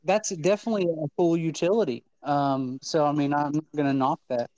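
A man's voice: fairly high pitch, fairly even intonation, a little fast, a little mellow, no echo, rough recording. A man co-hosting an online audio talk show, speaking in a casual, enthusiastic and persuasive way with frequent restarts. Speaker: co-host of a crypto talk show. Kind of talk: casual chat.

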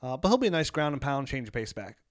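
A man's voice: mid-range voice, sing-song, no echo. Joking man with a dry, close sound. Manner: joking, rambling, quick to roast players. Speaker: podcast co-host. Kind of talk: casual fantasy football chat.

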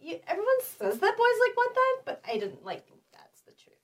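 A woman's voice: extremely high pitch, wildly swooping pitch, brisk, recorded from a distance. A woman chatting casually and comically in a blasé, dismissive valley girl manner.

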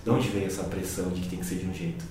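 A man's voice: little pitch movement, very fast, a little mellow. A man reflecting aloud in casual conversation, often checking in with his listener. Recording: roomy, echoey with low rumble.

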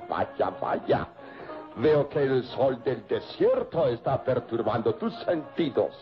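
Hulking German bandit, coarse and mocking, swooping pitch, slow drawl, radio drama, dull lo-fi sound. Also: male voice, very animated. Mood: taunting. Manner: coarse brutal laughter, taunting, drawn-out delivery. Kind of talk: old radio drama acting. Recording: dull lo-fi radio recording with music.

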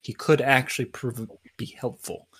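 A man's voice: medium pitch, steady tone, moderate pace, a bit bright, slightly rough, no echo. A man playing a tabletop game, thinking aloud in an easygoing way. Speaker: player. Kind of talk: casual tabletop game play.

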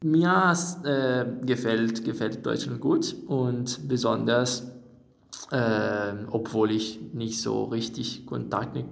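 A man's voice: on the low side, gravelly. A young man from Italy speaking German with an Italian accent as an interviewed exchange student, searching for words with many fillers and restarts. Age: young adult. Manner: hesitant, many fillers and restarts in a second language. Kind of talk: casual interview answers.

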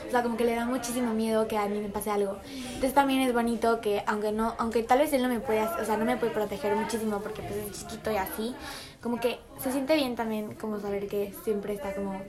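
A woman co-hosting a casual podcast. She rambles, padding her talk with fillers, in a slightly high voice. Loud crowd chatter is heard behind her. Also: steady tone, fast talker. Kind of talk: casual chat.

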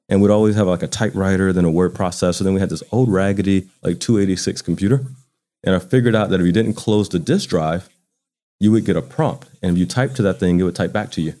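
As an interview guest, a Baton Rouge, Louisiana native in his forties, with an American accent and a low, mellow voice, spins anecdotes in a relaxed, thoughtful, conversational way.

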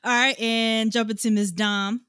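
A woman's voice: on the high side, little pitch movement, unhurried, fairly bright tone, clear, resonant tone, dry recording, studio quality. A woman hosting a podcast, chatting casually and upbeat, often addressing listeners as y'all. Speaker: podcast host.

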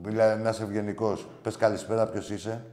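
A man hosting a call-in show, talking bluntly with plenty of swearing, jumping between loud outbursts and low muttering. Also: level tone. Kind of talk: casual call-in banter.

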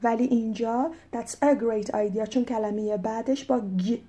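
A woman teaching English, with a Persian accent and a mellow, slightly high voice. She explains patiently and reads the English examples slowly and clearly. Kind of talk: explaining vocabulary.

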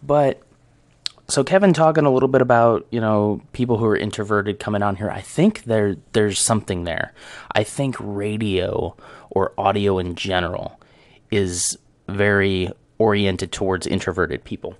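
A man's voice: on the low side, steady tone, normal speed, no echo. A man hosting his own audio show, talking casually and reflectively to listeners about himself. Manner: reflective, conversational, self-aware. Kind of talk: casual solo talk. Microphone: close studio microphone.

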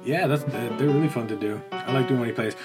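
A man's voice: mid-range voice, quick pace, loud music behind the voice. Rambling West of Ireland man. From Galway, Ireland. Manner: rambling, animated storyteller with stop-start phrasing. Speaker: podcast guest. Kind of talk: casual comedic chat.

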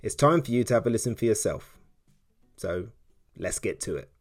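Friendly English podcast host. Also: male voice, lowish voice, lively intonation, normal speed, soft background music. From England. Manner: friendly, chatty, reads out guest details. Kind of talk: casual interview.

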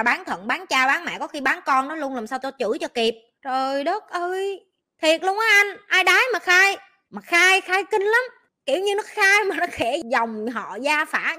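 A woman's voice: high-pitched, bright, forceful tone. A woman with a Southern Vietnamese accent, a life coach hosting a podcast and delivering a blunt, scolding, profane advice rant. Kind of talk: ranting advice monologue.

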